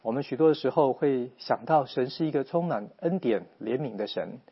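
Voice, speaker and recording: A man giving an earnest, measured Bible teaching talk with rhetorical questions, on a slightly dull, lo-fi recording. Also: mid-range voice, expressive, breathy edge. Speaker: preacher.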